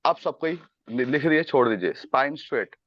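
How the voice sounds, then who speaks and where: A man's voice: medium pitch, lively intonation, fairly quick, no echo, highs cut off. Man coaching a sales class on a video call. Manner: mixes Hindi and English, quizzes students. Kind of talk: online class teaching.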